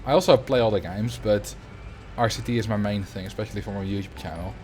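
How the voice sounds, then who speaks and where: A streamer from the Netherlands chats casually with viewers in a Dutch accent, thinking aloud as he plays a building game on a livestream. He talks fast in a lowish, darkish voice.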